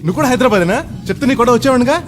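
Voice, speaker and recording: An actor playing a naive, middle-aged village man on his first flight, loud and rustic, mangling English words. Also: very high voice, rapid-fire, noisy background. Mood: chatty. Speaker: actor in a film comedy scene. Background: film background music.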